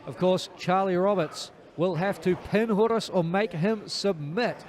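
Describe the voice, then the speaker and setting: High-pitched man calling wrestling, excited. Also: measured pace. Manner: emphatic, dramatic calls. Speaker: play-by-play wrestling commentator. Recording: live crowd noise behind. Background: wrestling event crowd.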